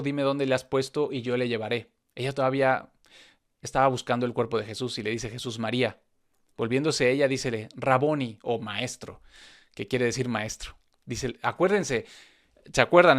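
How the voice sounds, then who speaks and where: A man reading Bible passages aloud and explaining them in an earnest, conversational way. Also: mid-range voice. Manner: reads scripture aloud, then explains it conversationally. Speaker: Bible teacher.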